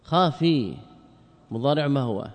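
A man at a mid pitch lecturing a class on grammar. He keeps firing short questions at his students, often answering them himself, and slowly drawls out each example word. His voice rings with the long reverb of a large lecture hall. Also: expressive, darkish tone. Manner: drills word forms slowly, stretching examples. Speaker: Islamic scholar teaching Arabic grammar.

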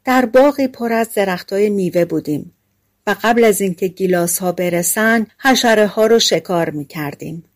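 A woman voicing eager young sparrow chicks, a little higher and brighter than her narration. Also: natural voice.

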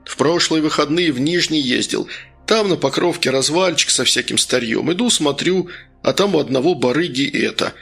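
A man doing a teasing young guy, gravelly. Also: a little high, moderate pace, fairly bright tone, soft background music, exaggerated voice. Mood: casual. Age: young adult. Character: playful young man, brain-obsessed tease.

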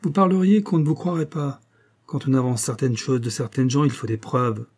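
A man's voice: medium pitch, normal speed, a little mellow, husky, close to an everyday voice. A man voicing a proud young noblewoman, indignant and cornered, in a read-aloud novel. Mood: scornful.

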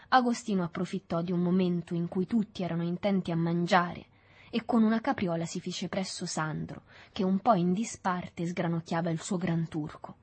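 A woman reading a novel aloud in a measured, even storytelling manner. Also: fairly low pitch, husky. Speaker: audiobook reader. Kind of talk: literary audiobook narration.

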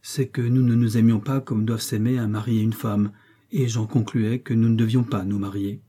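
A man reading a classic novel aloud as an audiobook, in an even, measured way. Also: on the low side, slightly rough. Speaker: audiobook reader.

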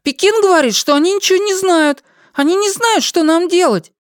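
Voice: very high voice, fairly quick, dry recording, studio quality, pitched above the performer's own voice. A narrator voicing an anxious schoolboy who phones for help with urgent questions. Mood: urgent, worried. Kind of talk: audiobook character voice.

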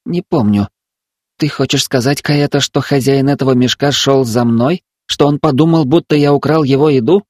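A man's voice: mid-range voice, normal speed, a little mellow, no echo, clean studio sound, pitched above the performer's own voice, lightly acted. A man voicing a scared, confused young boy who asks anxious questions.

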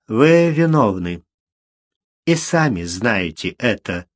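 A man's voice: mid-range voice, big pitch swings, measured pace. Stern older judge, formal and unmoved, handing down a sentence in a storybook reading, as a man reads him in his own voice. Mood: cold. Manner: level, formal.

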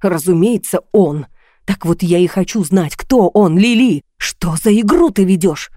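A woman's voice: lowish voice, lively intonation, a little slow, dark tone, no room sound, clean studio sound. A woman reading as an angry jealous young man. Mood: accusing. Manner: harsh, accusing. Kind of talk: audiobook reading.

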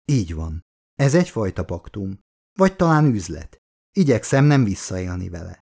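A man's voice: fairly low pitch, big pitch swings, gravelly, dark tone, breathy edge, exaggerated voice. A cool, composed young woman, as a man reads her lines. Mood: calm. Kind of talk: audiobook reading.

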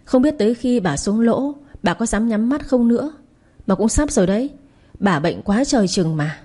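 A woman's voice: fairly high pitch, lively intonation, moderate pace, warm tone, husky, voice pushed up. A woman voicing a battered, spiteful young man who taunts and mocks. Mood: mocking. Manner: mocking and taunting.

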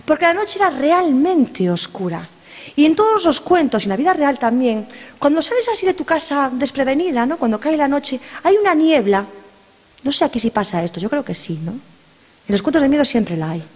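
A woman's voice: high voice, very animated, brisk, a little mellow. A middle-aged woman telling a story live to an audience, playful and dramatic, speaking directly to her listeners. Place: hall with an audience. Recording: long hall reverb.

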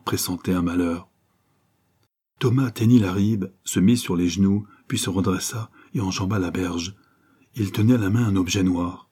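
A man narrating an audiobook in a steady, measured storytelling voice. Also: low voice, slightly rough.

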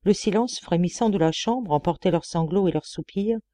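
A woman narrating a literary audiobook in a measured, expressive way. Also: on the low side, no echo. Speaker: audiobook reader.

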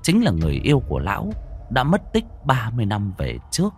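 A man narrating a ghost story theatrically, moving from hushed to urgent. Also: mid-range voice, wildly swooping pitch, fast talker. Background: faint music.

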